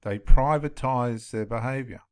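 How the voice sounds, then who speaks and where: Male commentator, even mid pitch, talks over clips, repeats lines for emphasis. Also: measured pace, smooth. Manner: emphatic, repeats phrases for stress. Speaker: commentator reacting to police footage. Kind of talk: video commentary.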